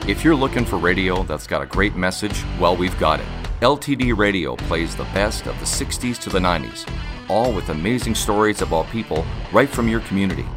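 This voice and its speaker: A man's voice: deep voice, animated, fairly quick, over music. A man announcing a radio station promo from a script.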